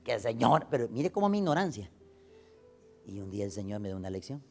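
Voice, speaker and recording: A male pastor preaching a storytelling sermon, swinging from loud exclamations to low asides. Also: sing-song, quick pace, soft background music.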